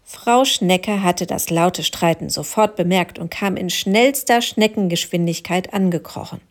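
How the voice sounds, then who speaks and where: A woman narrating a children's story in a gentle, expressive way. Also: fairly low pitch, unhurried.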